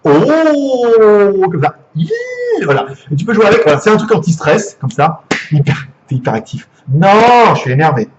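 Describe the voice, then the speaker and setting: A man's voice: sits high, big pitch swings, unhurried, highs cut off, slight background noise. A man with a French accent, chatty and jokey, unboxing gadgets live and swearing casually. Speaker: gadget reviewer.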